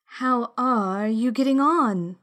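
Grinning storybook cat, sly, low-voiced, slow, woman doing it, bright tone. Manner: low, unhurried.

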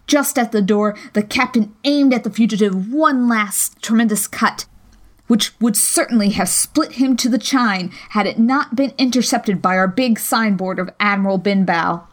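A woman with a mid-range voice narrates a classic novel as an audiobook, telling the story in a steady, measured way.

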